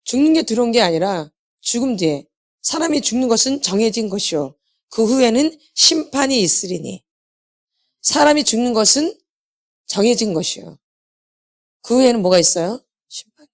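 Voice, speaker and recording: A woman delivers a sermon at a healing meeting, her fairly high voice rising and falling with lively swings. She keeps repeating key phrases for emphasis and tosses questions to the congregation before answering them herself. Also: moderate pace, pauses often. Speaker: healing ministry lecturer.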